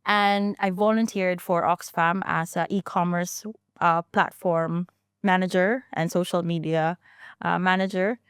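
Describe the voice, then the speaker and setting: Chatty and quick to laugh, a thirty-something founder shares her story as a casual interview guest, with plenty of restarts and fillers. Her lowish voice has fairly even intonation and a measured pace, captured as a clean tone in a clean studio recording with no echo.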